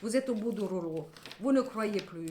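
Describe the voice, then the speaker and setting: A woman's voice: medium pitch, animated, moderate pace, dark tone, a little hiss or hum. Middle-aged woman tarot reader, emphatic, scolding then consoling, in an echoey room. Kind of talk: tarot reading to camera.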